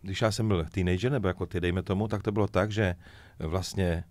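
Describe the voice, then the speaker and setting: A middle-aged man with a very low voice, talking casually as an interview guest. He jokes and tells stories in a lively way. His voice is close and dry, with no room sound. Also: no room sound. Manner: lively joking storyteller, chuckles often. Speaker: musician guest.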